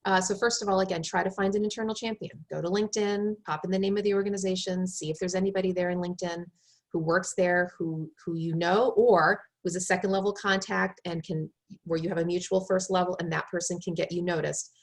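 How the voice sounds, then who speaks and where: A woman's voice: on the low side, steady tone, brisk. A woman recruiter giving job-search advice on a group call, in an earnest coaching tone that checks in with "right?".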